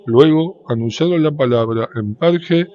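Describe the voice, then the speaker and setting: A man reads scripture slowly and solemnly, letting the ends of phrases lift into a sung lilt. His voice is dark and mellow. The recording is dull and lo-fi, with a faint hiss underneath. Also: fairly high pitch. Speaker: Bible reader. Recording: dull, lo-fi with faint background noise.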